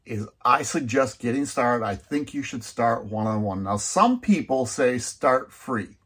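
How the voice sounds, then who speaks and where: A man with a slightly husky voice explains coaching in an unscripted, conversational way. He sits at a middle pitch, talks earnestly, and often restarts his sentences as he teaches. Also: expressive, measured pace, fairly bright tone. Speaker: business coach. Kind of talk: casual instructional talk.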